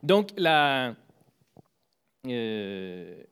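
A man's voice: mid-range voice, drawn-out words, clear, resonant tone. A man casually telling anecdotes about greetings and politeness, full of fillers and restarts, lifting his voice for quoted phrases. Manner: hesitant, many fillers and restarts; animated, voice jumps for quoted phrases. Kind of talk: casual storytelling chat.

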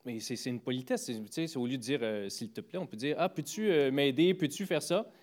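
A man's voice: mid-range voice, brisk. A man casually telling anecdotes about greetings and politeness, full of fillers and restarts, lifting his voice for quoted phrases. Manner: hesitant, many fillers and restarts; animated, voice jumps for quoted phrases. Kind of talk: casual storytelling chat.

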